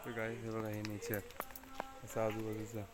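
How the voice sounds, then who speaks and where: A man's voice: lowish voice, monotone, normal speed, a loud crowd. A man with a Konkan Marathi accent, vlogging casually as he walks through a rainy village and points things out to viewers. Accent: Konkani-region Marathi. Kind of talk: casual travel vlog chat. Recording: outdoor noise in the background.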